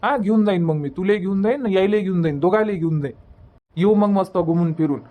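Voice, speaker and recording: A man voices a village husband and father in a cartoon comedy, arguing and placating by turns and repeating himself colloquially to make his point. He has a Varhadi Marathi accent from Vidarbha, and his high-pitched, brisk voice stays close to everyday speech. The audio is narrow and tinny.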